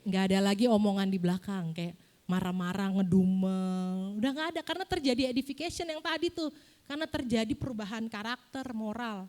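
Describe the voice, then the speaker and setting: A young woman giving a casual, lively sermon in a church, often asking the congregation questions. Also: medium pitch, a little fast. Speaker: preacher.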